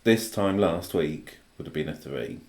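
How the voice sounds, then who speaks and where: A man from the UK co-hosting a casual podcast with his wife, dry and deadpan, mostly giving short replies. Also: low-pitched, a little slow. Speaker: podcast co-host. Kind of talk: casual chat.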